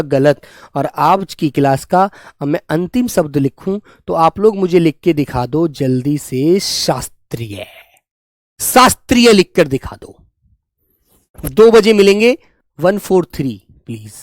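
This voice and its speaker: A young man leads a live online Hindi spelling class. His voice sits high and light and sounds dry and close to the mic. He speaks to his students fondly, calling them his children, and drills each word with slow repetition. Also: darkish tone, no room sound. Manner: affectionate, calls students "beta" and "my children"; repeats and drills words slowly. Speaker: Hindi teacher.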